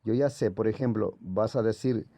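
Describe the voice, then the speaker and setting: A man's voice: on the low side, moderate pace, dark tone, slight background noise. A man whose first language is Portuguese gives a patient, explanatory lecture as a Greek language teacher, sounding out letters as he goes. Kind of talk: classroom lecture.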